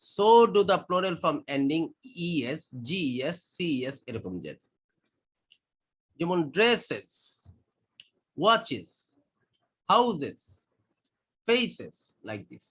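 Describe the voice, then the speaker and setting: A woman with a Bangladeshi Bengali accent teaching an online English class for children. She drills words slowly and sets right and wrong pronunciations side by side. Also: fairly low pitch, big pitch swings, a bit bright, breathy edge. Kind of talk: online kids' class, call-and-response drilling.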